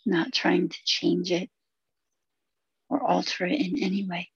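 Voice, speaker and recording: This meditation guide has a lowish, husky voice marked by vocal fry and a flat delivery, though she still sounds soothing. She leaves long pauses between short, unhurried phrases. The dull recording is very dry.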